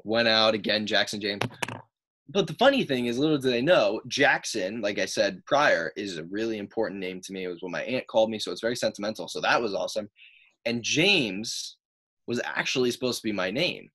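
Low-voiced young man telling stories. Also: a little fast. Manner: animated, acts out quoted people in raised voices. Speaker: pro wrestler guest. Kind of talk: casual storytelling.

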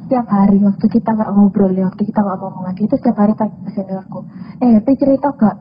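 A woman's voice: mid-range voice, flat delivery, racing. A young woman with an East Javanese accent, chatting casually and telling a story full of quoted dialogue. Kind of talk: casual chat. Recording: dull lo-fi sound, faint noise.

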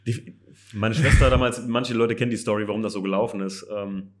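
Fast-talking man, enthusiastic car chat. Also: lowish voice, steady tone. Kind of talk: casual chat.

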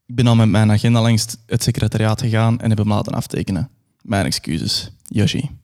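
A man's voice: fairly low pitch, steady tone, fairly quick, darkish tone. A young man performing a grandiose, absurdist dramatic monologue.

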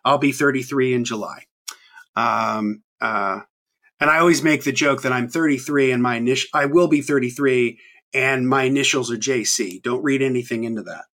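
Here a man in his thirties hosts a podcast in a relaxed, rambling way, often saying um and starting over. He talks at a moderate pace in a medium-pitched voice that's a bit bright.

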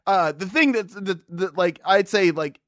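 A man's voice: high voice, lively intonation, normal speed, fairly bright tone, no echo, studio quality. A man co-hosting a podcast, rambling and swearing in casual chat, a bit drunk, with lots of restarts. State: tipsy. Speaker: podcast co-host.

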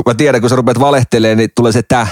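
A man's voice: mid-range voice, steady tone, darkish tone, no room sound, clean studio sound. Joking, rambling man. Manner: rambling, joking, laughs often. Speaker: podcast co-host. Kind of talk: casual chat.

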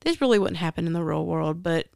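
A woman's voice: lowish voice, lively intonation, fast, vocal fry, darkish tone, no room sound, studio quality. A woman with a Southern US accent hosting a casual book chat, retelling a story in a rambling way with many fillers. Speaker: podcast host.

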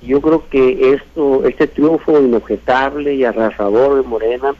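Male political commentator, northern Mexican Sinaloa accent, deliberate and emphatic through repetition, mid pitch, muffled lo-fi radio. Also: steady tone. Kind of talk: live election commentary. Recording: dull, lo-fi radio sound.

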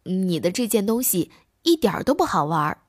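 A woman's voice: medium pitch, sing-song, a little fast, no room sound, studio quality. A woman voicing a naive, cheerful little boy piglet in a children's bedtime story, speaking in an innocent, eager, childlike way.

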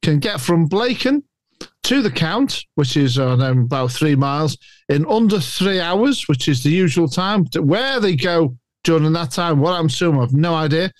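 A man's voice: fairly high pitch, expressive, normal speed, no room sound. Sarcastic grumbling man. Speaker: podcast co-host. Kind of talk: casual chat.

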